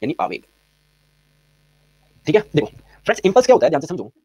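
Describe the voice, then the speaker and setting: Male physics tutor, brisk and quizzing, slightly high voice, dry close sound. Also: huge pitch swings, dark tone, husky, no room sound. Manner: brisk, quizzing students with repeated questions. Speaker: physics teacher. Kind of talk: online exam-prep physics lecture.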